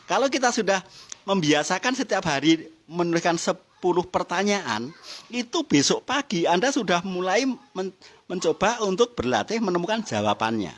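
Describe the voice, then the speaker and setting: A middle-aged man leads a motivational seminar. His voice sits high, and he keeps firing questions at the audience and chuckling at his own points. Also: moderate pace. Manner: lively, teasing the audience with questions and laughing. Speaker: business motivational trainer.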